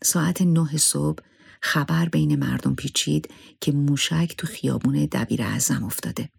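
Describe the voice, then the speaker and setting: Solemn male story narrator, gravelly, husky, dry close mic, at times whispering. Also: fairly high pitch, fairly even intonation, dry recording. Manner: measured, solemn, sometimes dropping to a hushed whisper.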